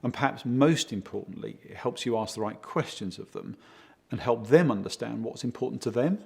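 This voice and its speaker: A man working as a project consultant, giving steady, explanatory interview answers and leaning on key words. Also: medium pitch, a little fast, creaky, slightly rough. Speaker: project consultant for a home design firm.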